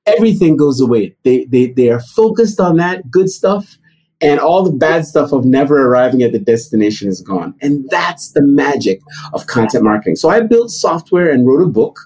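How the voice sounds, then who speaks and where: A middle-aged man from Nigeria answering interview questions, telling stories with animated, climbing emphasis. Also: normal speed, breathy edge, low-quality recording. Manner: animated storytelling, rising high for emphasis. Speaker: guest.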